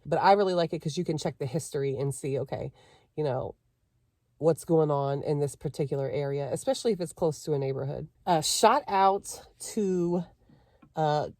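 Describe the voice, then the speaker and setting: Young woman chatting away in her car, kinda low mellow voice, laughs a lot. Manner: chatty, laughs often, talks while doing tasks. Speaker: car camping vlogger. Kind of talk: casual vlog chat. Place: inside her parked car.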